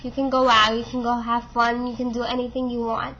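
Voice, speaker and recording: This vlogger, in her twenties, speaks a little fast in a slightly high, sharp voice with a level tone. Chatty and frank, she uses many fillers while battling a stuffy nose and a failing voice. The lo-fi sound carries slight background noise.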